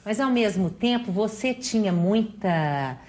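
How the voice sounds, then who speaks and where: A woman's voice: mid-range voice, lively intonation, unhurried, darkish tone. A Brazilian woman hosting a TV interview, prompting her guests with short questions. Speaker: TV host.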